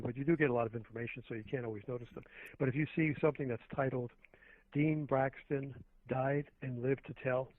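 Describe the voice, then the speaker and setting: Over a tinny phone line, a man with a mid-range voice calls in as a guest on a radio show. He rambles on and on in a meandering phone-in chat, filled with fillers and restarts, and there's no room sound.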